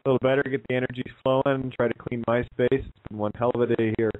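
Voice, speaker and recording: A man's voice: medium pitch, level tone, fast talker. Male host, casual and rambling, heard over a breaking-up, tinny phone line. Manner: loose, filler-heavy talk. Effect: breaking-up bad connection. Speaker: radio show host. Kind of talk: casual internet radio chat.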